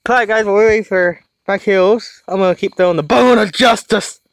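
A man hosting a gaming channel, giving casual co-op play commentary with goofy, excitable chatter and crude jokes. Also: sits high, fairly quick, slight background noise.

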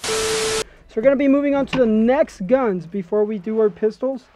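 A man hosting a casual range day with friends, relaxed and joking as he directs the group. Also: very high-pitched, moderate pace, a little hiss or hum, low-quality recording. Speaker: host at a shooting range. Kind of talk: casual chat.

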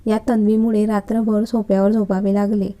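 A woman's voice: medium pitch, flat delivery, fairly quick, warm tone, natural voice. A woman reading as a short-tempered young lecturer. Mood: irritated. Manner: irritable, scolding.

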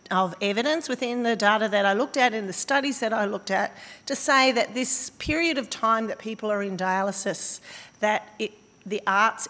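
An Australian woman gives an academic presentation in a reverberant conference hall, her mid-range, fairly bright voice slightly hoarse and croaky. She speaks thoughtfully and haltingly, with fillers and restarts.

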